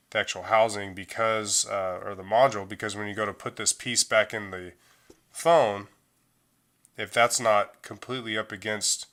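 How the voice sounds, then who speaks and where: In this hands-on tutorial, a middle-aged man talks through repairing a phone. His voice is a bit low but bright and forward, and his casual, relaxed delivery is rough around the edges, with frequent fillers and restarts.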